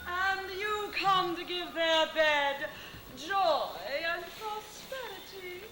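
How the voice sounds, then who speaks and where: A woman's voice: very high-pitched, slow, sharp tone, exaggerated voice. A woman playing a proud, scornful fairy queen in hammy, theatrical Shakespearean stage style, projecting and drawing out her words. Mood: mocking, jealous. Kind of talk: outdoor stage performance of Shakespeare. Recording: echoey, noisy distant outdoor theatre recording.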